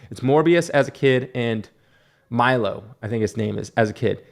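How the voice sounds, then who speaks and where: A man's voice: mid-range voice, normal speed, creaky. A man giving a casual, ranting film review in an exasperated, mocking way.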